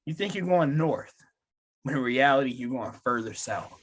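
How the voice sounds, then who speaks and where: A man's voice: mid-range voice, expressive, normal speed. A man co-hosting a podcast in casual chat, teasing his friends in everyday slang. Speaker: podcast co-host.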